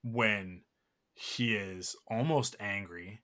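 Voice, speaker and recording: A man's voice: on the low side, extremely slow, sharp tone. A man hosting a podcast, talking in a rambling, heartfelt way with lots of fillers and restarts. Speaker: podcast host. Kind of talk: casual podcast chat.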